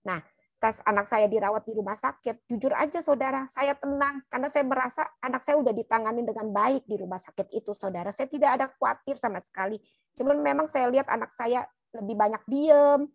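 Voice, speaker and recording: A woman's voice: fairly high pitch, fairly quick, vocal fry, no echo. A woman telling a personal testimony in church in an earnest, colloquial storytelling manner, often turning to her listeners. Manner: earnest, keeps addressing listeners as "brothers and sisters". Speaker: church member giving testimony.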